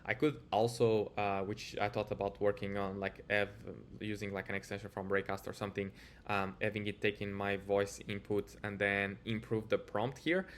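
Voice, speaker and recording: This Portuguese-accented software developer speaks in a lowish, flat voice at a normal speed, with slight background noise behind him. Presenting a relaxed screen-share tutorial, he talks informally, hesitates often, and leans heavily on fillers.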